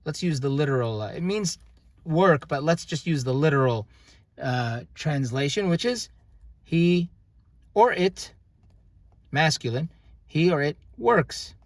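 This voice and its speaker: A man's voice: on the high side, animated, no room sound. A young man teaching a casual grammar lesson, explaining unhurriedly with frequent fillers and restarts. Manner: unhurried, halting, with many fillers. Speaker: language teacher.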